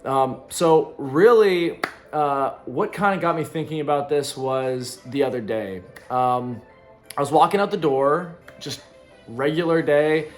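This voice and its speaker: A man of thirty rambles to the camera in front of him in a casual, reflective vlog, using plenty of ums and likes. His voice is fairly high and a little slow, with soft music in the background.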